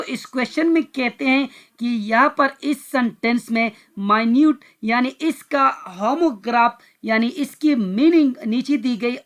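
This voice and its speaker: A woman teaches exam-prep English, going through quiz answers at an unhurried pace. Her voice sits fairly high. She keeps turning back to address her viewers and reads each English sentence out slowly and carefully. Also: fairly bright tone. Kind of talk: explaining quiz questions step by step.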